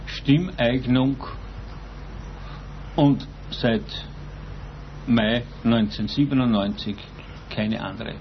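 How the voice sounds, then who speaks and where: A man answering interview questions in deliberate, halting phrases. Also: mid-range voice. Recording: dull lo-fi, faint background noise.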